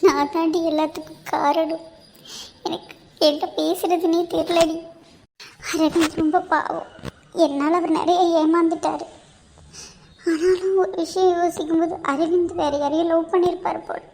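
A woman's voice: extremely high pitch, little pitch movement, normal speed, creaky, pauses often, a little mellow, slight background noise. A woman voicing a remorseful young pregnant wife in a cartoon, talking in a tearful, pleading, self-blaming way. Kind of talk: amateur cartoon voice acting.

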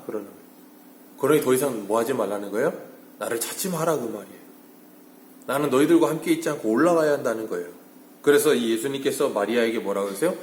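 A male pastor preaching an early-morning sermon, asking rhetorical questions and moving between hushed and emphatic delivery. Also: medium pitch, echoey room, a little hiss or hum. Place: church sanctuary.

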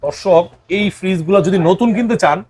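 Male vlog host, Bangladeshi Bengali accent. Fast, fairly high, eager bargainer. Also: a little mellow. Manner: eager, pushy bargaining for lower prices. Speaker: vlog host haggling on behalf of viewers. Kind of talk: casual vlog chat with a shopkeeper. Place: used fridge shop.

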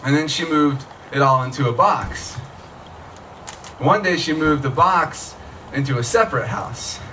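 This thirties-aged author's voice is on the high side and sharp, and he reads his short fiction a little slowly in a conversational, storytelling way. The night-time reading takes place on a small outdoor tent stage with a stand mic, and a camera in the crowd picked it up distantly amid the noise of the event.

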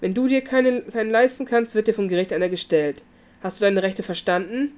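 A woman's voice: medium pitch, a little fast, a little mellow, close to an everyday voice. A woman reading the lines of a brutal, coolly menacing male police detective in a taunting manner. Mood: coldly formal.

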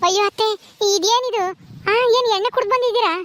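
A woman's voice: very high voice, fairly even intonation, fast talker, fairly bright tone, no echo, clean studio sound. A woman playing a young village daughter-in-law who complains indignantly in a comedy skit.

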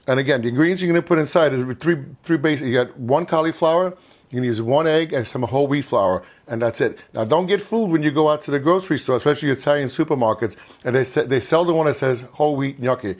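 Speaking quickly in a slightly high voice, a man in his fifties hosts a casual cooking demo from his home kitchen. He's a talkative cooking show host who keeps restating and rewording his points, recorded on a lapel mic.

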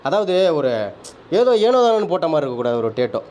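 A man with a Tamil Nadu accent chatting quickly in a family vlog at a salon, coaxing his small child. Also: a little high, sing-song, darkish tone, dull audio. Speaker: family vlogger, father. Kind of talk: casual family vlog chat. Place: tattoo and beauty salon, indoors.

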